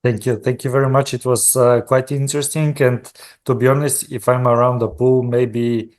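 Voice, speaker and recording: A man moderating a webinar over a video call, friendly and halting with many fillers. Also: mid-range voice, flat delivery.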